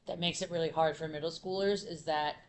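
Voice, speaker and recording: Panel speaker, woman teacher, lowish voice, animated, lots of fillers. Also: a little fast, slight background noise. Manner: animated, many fillers and restarts. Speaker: middle school teacher and panelist. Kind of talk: conference panel talk.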